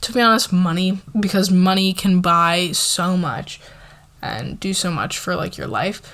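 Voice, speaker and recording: An eighteen-year-old ASMR creator chats casually while answering viewer questions. She is soft-spoken and relaxed, with a lowish, slightly slow voice, and she peppers her sentences with "like," sometimes drifting into a whisper.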